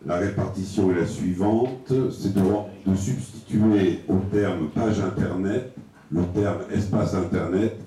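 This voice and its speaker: A man reading out formal amendments at a municipal council meeting, in a measured and formal way, his voice carried by a heavy cathedral-like echo from far off in a large hall. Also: deep voice, dark tone. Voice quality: measured, formal, reads out legal wording. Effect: heavy cathedral-like echo, voice heard from far off in a large hall. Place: large echoing council chamber. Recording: very echoey distant hall recording with faint noise.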